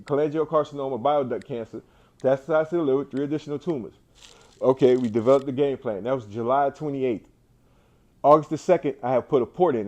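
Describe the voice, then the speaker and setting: A man with a warm, mellow voice at a middling pitch gives an inspirational talk to a room. He repeats his phrases and restarts often, and his faith-driven delivery sounds like a preacher's. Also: dull audio. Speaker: cancer survivor speaking to an audience. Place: indoor venue with an audience.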